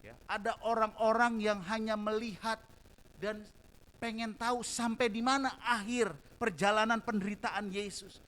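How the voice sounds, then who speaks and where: A man preaching a sermon as pastor, animated, moving between loud emphasis and soft asides, in a church hall. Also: high voice, moderate pace.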